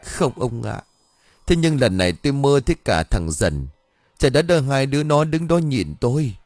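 A man plays a grieving mother in a ghost story, her cries shrill and panicked. The voice swoops up and down. Soft music plays underneath. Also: very animated, moderate pace, dry recording. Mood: fearful. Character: frantic grieving older mother, wailing.

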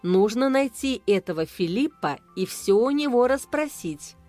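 Give voice to a suspicious young man brooding over his thoughts in a read-aloud story, spoken by a woman narrator. The lines come measured and determined. Faint music sits behind. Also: fairly high pitch, lively intonation, mellow.

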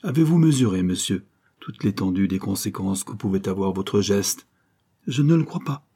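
A man's voice: fairly low pitch, lively intonation, normal speed, warm tone, breathy edge. A man reading aloud voices a proud, desperate countess defending her husband and children, pleading with dignity.

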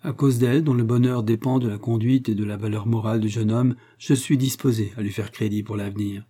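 A man reading an earnest, grave gentleman suitor. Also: lowish voice, steady tone, fairly quick, breathy edge. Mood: musing. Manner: grave and earnest, rising in warmth. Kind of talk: audiobook character reading.

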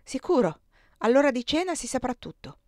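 A woman reading the part of the worried mistress of a household, who asks sharp, commanding questions, in a dry close recording. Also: high-pitched, sing-song, fairly quick, dry recording, voice pushed up.

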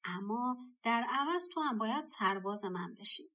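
A woman reading the lines of a calm, determined young boy hero in a storybook, in a lower, softer tone. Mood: calm resolve.

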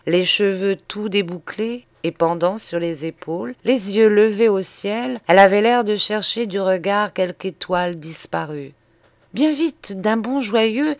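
A woman reading a classic novella aloud in a slow, measured and expressive manner. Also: medium pitch, dry recording. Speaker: audiobook reader. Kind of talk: literary audiobook narration.

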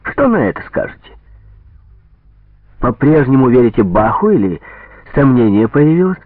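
A man's voice: medium pitch, very animated, moderate pace, dry recording, voice pushed up. A man playing a harsh, stern interrogator. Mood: mocking. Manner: pressing, sharp questioning. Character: stern male gendarme interrogator, mocking and harsh. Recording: tinny lo-fi radio broadcast.

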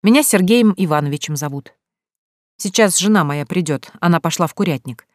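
A reader voicing an older retired farmer with a grey beard who is chatty and welcoming, talking in a hearty, drawn-out way. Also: medium pitch, animated, no room sound, clean studio sound, lightly acted. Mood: hospitable.

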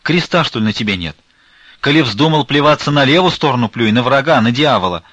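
A man voicing a pious, quick-tempered old woman who asks in a sing-song way and scolds sharply, in an audiobook. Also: mid-range voice, very animated, a bit bright, no echo, highs cut off, pitched above the performer's own voice. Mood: furious scolding.

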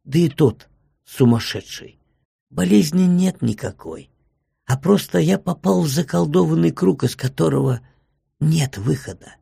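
A frantic, tearful doctor out of a classic story bursts into shouts, his voice rising high and shaking, as a male reader plays him. The tone stays husky with a gravelly edge. It sounds close and dry, with no room around it. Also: expressive, measured pace, no echo, exaggerated voice. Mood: weary despairing. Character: agitated middle-aged male doctor, shouting then despairing.

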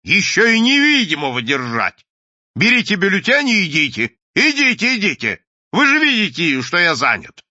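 A man doing a loud, pompous bureaucrat boss. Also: sits high, huge pitch swings, moderate pace, dry recording, highs cut off, voice pushed up, exaggerated voice. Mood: dismissive. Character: hot-tempered bureaucrat boss, pompous middle-aged man.

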